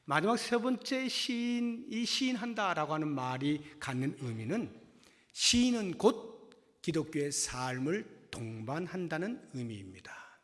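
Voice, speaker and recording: Male pastor, emphatic sermon delivery, slightly high voice, long church reverb. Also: very animated, unhurried, fairly bright tone. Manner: emphatic preaching, rising stresses and rhetorical questions. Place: church sanctuary.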